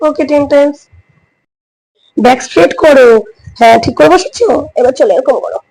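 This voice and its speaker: A woman with a Bengali accent, hoarse from a cold, talking casually to viewers in a family vlog and coaching a child through yoga. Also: sits high, a little fast, a little mellow, poor audio. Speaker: family vlogger.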